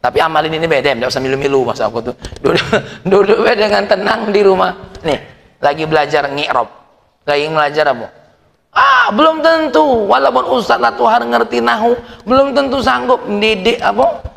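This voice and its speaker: A man's voice: high voice, brisk, creaky, long reverb tail. A man preaching a sermon in a mosque, joking and asking rhetorical questions while his voice rises and falls. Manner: lively, jokes and rhetorical questions, voice rising and falling. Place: mosque hall.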